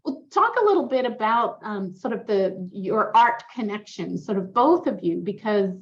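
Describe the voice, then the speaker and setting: A woman hosting a podcast interview, upbeat and encouraging, reacting quickly to her guests. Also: medium pitch, animated, dull audio. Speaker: podcast host. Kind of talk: casual interview chat.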